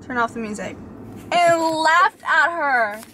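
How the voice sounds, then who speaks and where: A young woman reacting to a talent show from inside a parked car, chatting casually in a bubbly, excitable way. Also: sits high, takes it slowly, slight background noise. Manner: bubbly, excitable, with sudden squeals and laughs. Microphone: camera mounted facing her.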